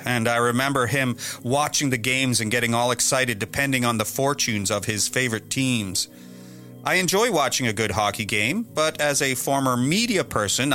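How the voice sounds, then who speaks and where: A man's voice: medium pitch, sharp tone. A man hosting a radio series in scripted narration.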